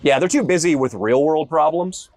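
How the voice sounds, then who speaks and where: A man, a stand-up comedian, chatting casually while fishing outdoors, with a deadpan, sarcastic delivery. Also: a little high, normal speed, slight background noise. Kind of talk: casual chat.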